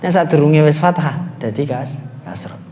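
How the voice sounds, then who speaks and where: A man with a Javanese-tinged Indonesian accent teaching Arabic grammar to a class, quizzing students and chanting phrases slowly. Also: fairly high pitch, muffled recording. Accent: Indonesian, with Javanese words. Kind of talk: classroom lesson. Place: mosque hall. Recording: echoey, reverberant hall.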